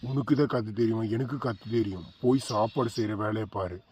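A man's voice: fairly low pitch, fast, darkish tone, husky. A man voicing a scolding middle-aged husband in a cartoon. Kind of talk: cartoon voice acting.

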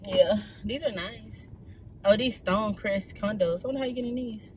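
Young man, chatty and teasing, higher voice, vlogging from the driver's seat. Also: moderate pace, slight background noise, poor audio. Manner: chatty, teasing, talks straight to viewers. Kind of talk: casual chat while driving. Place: car.

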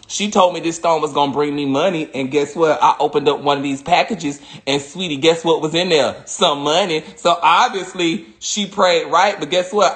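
A man with a high voice and a drawl opening fan mail on a phone livestream, loud and dramatic, dropping to a prayerful murmur between high-pitched outbursts. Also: reverberant. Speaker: social media personality. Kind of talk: live-stream fan mail unboxing.

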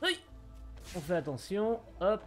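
This gaming streamer has a high, very animated voice and talks a little slowly. He casually chats with viewers while commenting on his let's play, muttering on-screen text aloud over light game music.

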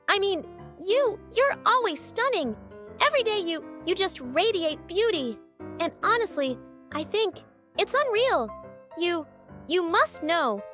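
Brief: a woman playing a stammering, jittery cartoon emotion, very high voice that leaps around. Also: a bit bright, full character voice. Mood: flustered. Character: frantic overworked female emotion Anxiety. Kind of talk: fan comic dub.

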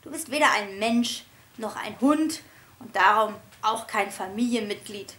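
A jealous female family dog from a children's storybook snaps in a lowered, growly voice, as the woman reading puts her on. She is curt and scolding, never friendly. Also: measured pace, fairly bright tone. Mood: grumpy.

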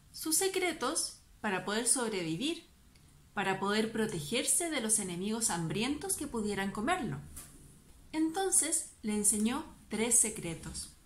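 Expressive woman reading a children's story. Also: a little high. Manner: expressive and lively. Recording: echoey room.

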